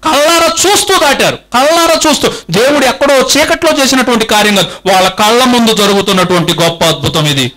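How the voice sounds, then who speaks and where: A man's voice: very high-pitched, fairly quick, few pauses, rough recording. A man preaching a sermon, firing rhetorical questions at the congregation and repeating phrases for emphasis. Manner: animated, emphatic repetition.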